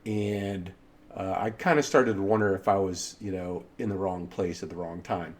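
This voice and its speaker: Low-voiced man telling a personal story. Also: steady tone, normal speed. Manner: rambling, self-deprecating, with frequent restarts. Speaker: podcast host.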